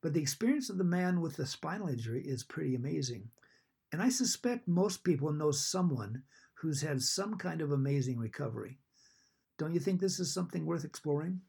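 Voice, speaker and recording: Gravelly, husky man co-hosting a podcast. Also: fairly high pitch, expressive, a little fast, darkish tone. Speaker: podcast co-host. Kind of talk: conversational podcast discussion.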